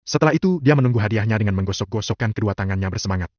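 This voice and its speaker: A man narrating a novel in a brisk, even storytelling delivery. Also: fairly low pitch, no room sound. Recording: dull lo-fi dry recording.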